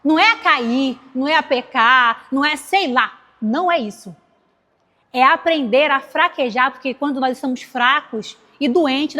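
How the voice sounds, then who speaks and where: A woman's voice: high-pitched, sharp tone. A woman preaching a sermon to a women's group, speaking conversationally and telling personal stories while addressing the listeners directly. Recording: long hall reverb.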